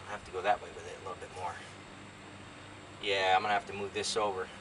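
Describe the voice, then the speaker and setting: Talking fast in a low, fairly flat voice, an older American DIY vlogger chats folksily to himself while working in an open cargo van outside by a garage. A camera a few feet away records him from a distance, with loud noise and clicks.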